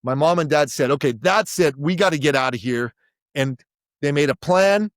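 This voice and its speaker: A middle-aged man from Iran tells his story with the sweep of a speaker on stage, building every point toward a big finish. His voice sits a little high for a man. It sounds dry and close, with no room around it. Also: normal speed, dry recording. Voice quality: emphatic, orator-like delivery. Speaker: podcast guest. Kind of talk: impassioned storytelling.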